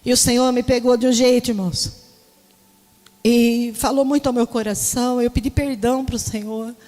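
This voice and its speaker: A woman's voice: a little high, fairly even intonation, moderate pace, warm tone, in a large hall. A woman pastor preaching a sermon, telling an emotional personal testimony and often turning to address the congregation directly. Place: church.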